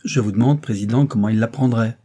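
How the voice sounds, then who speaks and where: A man's voice: mid-range voice, quick pace, mellow, slightly rough, close to an everyday voice. A man voicing a proud, hot-tempered young nobleman not yet nineteen, speaking indignantly.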